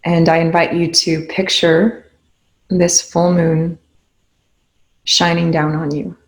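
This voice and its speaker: A woman with a lowish voice guides a meditation, calm and gently instructive, giving her cues at an unhurried pace. The audio quality is poor.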